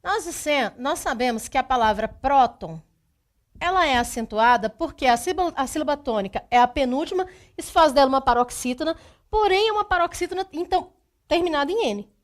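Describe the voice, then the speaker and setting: A woman's voice: sits high, lively intonation, brisk. A woman teacher giving an exam-prep grammar lesson. She goes through the rules step by step, repeats them and often checks in with the listener. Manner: speaks straight to the student.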